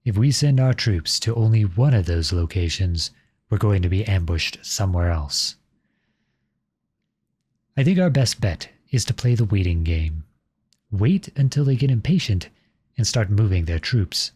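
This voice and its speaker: Here the same exiled prince-turned-common-soldier speaks with formal, earnest courtesy and measured pacing. The intonation is lively, the tone darkish and husky, and the mood stays serious and strategic.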